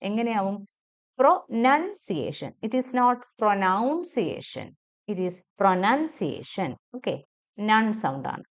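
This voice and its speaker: A woman with a Malayali accent runs a pronunciation lesson. Her pitch swings lively up and down, and she repeats each word slowly and deliberately. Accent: Malayali English. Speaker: English pronunciation teacher.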